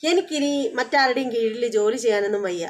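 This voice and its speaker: A sulky idle son who brushes off his mother with flat self-assurance, voiced by a woman. The voice stays high, close to her own. It is told as a spoken serial recap. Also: quick pace, natural voice.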